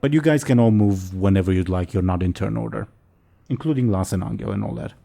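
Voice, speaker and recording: A man's voice: fairly low pitch, fast, vocal fry, warm tone. A man running a tabletop role-playing game as game master, narrating and ruling casually.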